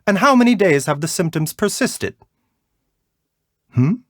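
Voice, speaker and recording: An actor delivers video game voice lines as a gentle, composed male herbal doctor, frail yet unhurried, with a soft-spoken, polite, measured bedside courtesy. His voice is high-pitched and fully in character. The audio is studio quality with no room sound.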